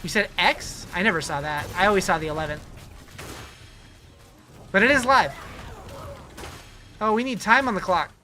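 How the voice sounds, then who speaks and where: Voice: medium pitch, lively intonation, moderate pace, long pauses, sharp tone, faint music behind. A game streamer chatting casually and answering viewers' questions in a conversational way. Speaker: livestreamer. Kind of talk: casual live-stream chat while gaming.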